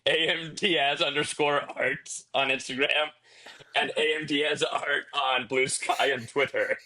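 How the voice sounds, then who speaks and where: A soul-hungry demon , put on by a man, speaks in a glitchy, layered demonic voice that sounds doubled over itself. The tone is bright and a little raised, and every word is stretched out slow and sinister. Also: fairly high pitch, steady tone. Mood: menacing. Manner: drawn-out, mock-sinister delivery. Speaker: podcast guest, cosplayer. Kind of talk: casual podcast chat.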